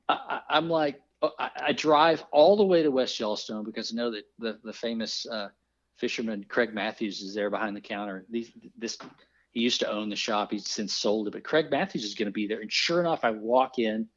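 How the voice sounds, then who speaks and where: A middle-aged man with a low-pitched voice spins an animated story, bursting into exclaimed voices for the people in it. The recording sounds dull and lo-fi. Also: brisk. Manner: lively anecdotes with exclaimed quoted voices. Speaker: podcast guest, fly fisher.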